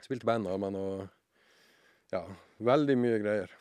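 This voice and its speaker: Animated man telling a tale. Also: fairly low pitch, clear, resonant tone, no room sound. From southern Norway. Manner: animated anecdote-teller, acts out voices and shouts. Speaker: guest. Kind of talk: casual storytelling.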